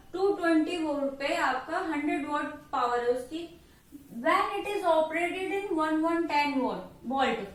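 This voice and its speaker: A woman with an Indian accent, a physics teacher who explains a worked example step by step in a patient way and keeps checking in with her students. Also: high voice. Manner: patient, checks in with "theek hai" after each step, writes out formulas slowly. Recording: echoey room, voice far from the mic.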